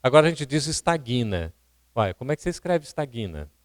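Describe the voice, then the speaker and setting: A Brazilian man leads a public-speaking seminar in a spiritist centre's seminar hall, explaining points and putting questions to the audience in a didactic way. His medium-pitched voice is sing-song and racing, and the recording is dry.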